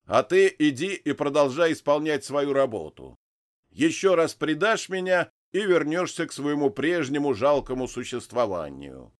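A sly demon boss who trades in souls, put on by a male reader, gloating and sneering in a raised, loud, lively voice. He savours every cruel word and laughs at the people in front of him. It suits a storybook read aloud. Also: on the high side, moderate pace, voice pushed up.

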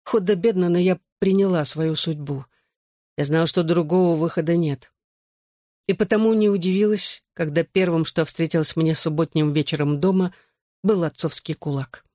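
A man's voice: fairly high pitch, steady tone, moderate pace, a little mellow, no echo, clean studio sound. A man reading a novel aloud in the first person, narrating steadily. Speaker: audiobook reader.

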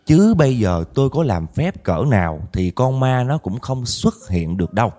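A man with a Southern Vietnamese accent playing a calm older male exorcist who gives reassuring instructions to a family. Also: medium pitch, normal speed, in a large hall, natural voice. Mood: instructing.

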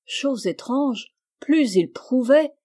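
A woman narrating a classic short story as an audiobook reader, measured and even. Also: high-pitched. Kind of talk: scripted narration.

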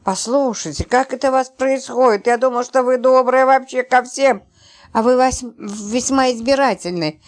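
A woman voicing Roman, a stubborn young man who talks gruffly and sometimes grumbles. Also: sits high, normal speed, lightly acted. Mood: exasperated.

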